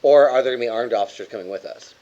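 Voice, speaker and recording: A man's voice: mid-range voice, racing, mellow, highs cut off. Jokey man playing a tabletop game. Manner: jokey, thinks aloud in long sentences. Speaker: player. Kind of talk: casual chat while playing a tabletop game.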